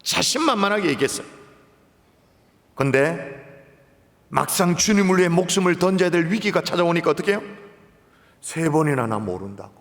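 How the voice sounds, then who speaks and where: High-voiced pastor in a reverberant church. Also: male voice, moderate pace, long pauses. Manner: storytelling, shifts between quiet and emphatic. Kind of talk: sermon. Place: church sanctuary. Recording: echoey hall with long reverb.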